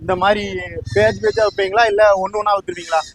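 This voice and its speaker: A man's voice: sits high, fairly even intonation, quick pace. A man casually interviewing buyers at an outdoor livestock market, repeating back each answer in a chatty way. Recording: noisy outdoor market crowd. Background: crowd chatter and goats bleating.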